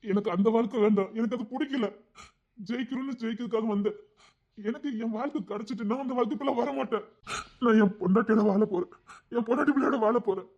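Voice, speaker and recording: A man plays a gang king in an audio story, pleading softly with a high Tirunelveli Tamil voice. He longs for a quiet family life and speaks with tender feeling. The recording is dull and lo-fi. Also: quick pace. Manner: soft, pleading, heartfelt.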